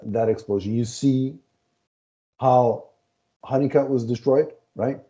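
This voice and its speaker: On a dull, lo-fi video call, a podcast co-host talks slowly with a steady, dark tone at medium pitch. He's reviewing comics casually from a home room over a headset, often hunting for words.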